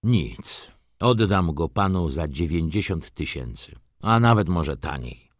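A cool, businesslike merchant, voiced by a male reader, deep and low. He speaks in short, restrained, clipped phrases, dry and close. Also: lively intonation, slow pace, no echo, full character voice. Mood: curt. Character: middle-aged male merchant, cool and curt.

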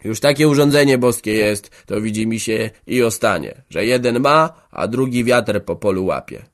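A man's voice: fairly low pitch, expressive, moderate pace, close to an everyday voice. A man voicing a stubborn, hard-hearted old peasant farmer who speaks harshly and emphatically in an audiobook. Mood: stubborn, defiant. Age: older. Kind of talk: audiobook character voice.

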